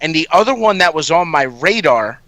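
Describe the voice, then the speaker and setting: A male host with a bright, forceful voice pitched a bit high, recorded close and dry. He chats casually and with enthusiasm, like a fan running an interview. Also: very animated, brisk, no echo. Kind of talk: casual enthusiastic sports chat.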